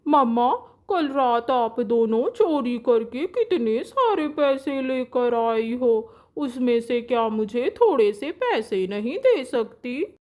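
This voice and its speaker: A woman's voice: a little high, expressive, slow pace, few pauses, dull audio. A woman voicing a greedy, spoiled young boy crow in a cartoon, whiny and demanding. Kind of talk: cartoon voice acting.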